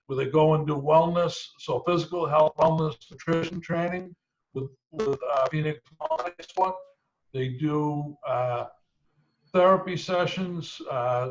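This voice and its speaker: A man's voice: fairly high pitch, lo-fi sound. Man on a choppy, breaking-up video call. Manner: halting, with many "uh" pauses. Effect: choppy, breaking-up video call audio. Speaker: panelist describing a reentry program. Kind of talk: presenting on a video call panel.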